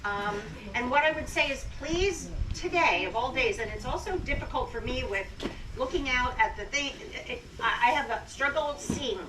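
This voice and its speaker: A woman's voice: sits high, animated, normal speed, a crowd in the background. A woman working as an auctioneer, giving bidders plain-spoken, businesslike instructions about how the sale will run. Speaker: estate auctioneer. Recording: distant, echoey, clearly noisy pickup.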